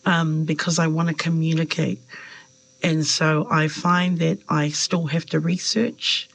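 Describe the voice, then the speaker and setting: This member of parliament, a New woman whose first language is Samoan, has a deep, gravelly, husky voice and talks a little slowly over poor audio. Her reflective interview answers are thoughtful and full of hesitant fillers, livening up whenever she quotes someone.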